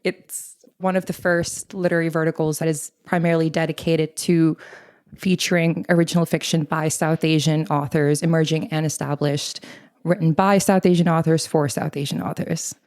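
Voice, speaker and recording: A young woman from Thailand answers interview questions in an earnest, thoughtful way. Her voice sits low for a woman, and she talks in a conversational flow with an occasional "like". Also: little pitch movement, normal speed, darkish tone. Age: 20s. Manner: earnest, reflective, with many likes. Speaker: guest, literary editor.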